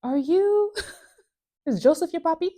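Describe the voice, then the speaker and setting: A woman voicing nosy, incredulous townsfolk in a high, squeaky, teasing tone. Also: animated, a little slow, warm tone.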